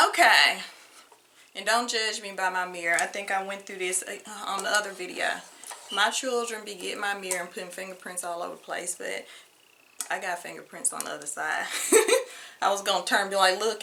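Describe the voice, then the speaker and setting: A woman's voice: mid-range voice, creaky, pushed and bright. A woman casually reviewing a wig at home, chatty, drawing out her praise and calling viewers honey. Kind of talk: casual product review vlog. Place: home room with wigs on floor.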